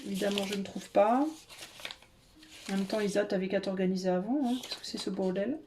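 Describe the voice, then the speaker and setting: A woman's voice: mid-range voice, fairly even intonation, brisk, noisy background. A woman giving a casual tarot reading to her viewers, chatty and hesitant, with many fillers and restarts. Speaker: tarot reader.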